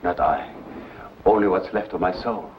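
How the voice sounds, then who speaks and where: An actor playing a sorrowful, resigned refugee scientist with a formal, grave manner in a vintage B-movie. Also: male voice, low voice, moderate pace, close to an everyday voice. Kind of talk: vintage B-movie film acting. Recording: muffled old film soundtrack, noisy.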